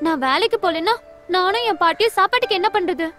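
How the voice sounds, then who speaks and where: An actress playing a proud, poor young woman who collects rubbish for a living and talks quick and sharp. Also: very high voice, faint music behind. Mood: defensive.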